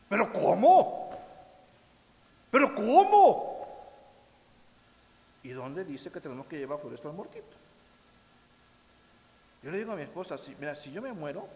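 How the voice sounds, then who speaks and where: Animated Mexican pastor preaching in a hall. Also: male voice, a little high, a little hiss or hum. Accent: Mexican Spanish. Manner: animated preaching, repeats "hermanos míos", acts out quotes. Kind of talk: sermon. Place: church sanctuary.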